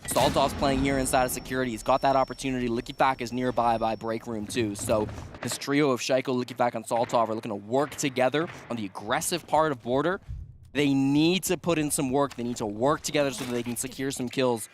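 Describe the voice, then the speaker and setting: A man's voice: medium pitch, brisk. A man giving live esports commentary and analysis, emphatic and repeating key phrases for weight. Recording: music bed behind the voice. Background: music.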